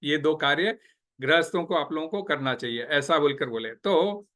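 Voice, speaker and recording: Bright-voiced man giving a devotional class. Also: fairly high pitch, moderate pace. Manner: conversational, mixes English phrases, asks listeners questions. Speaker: devotional speaker. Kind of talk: Hindi devotional class, storytelling.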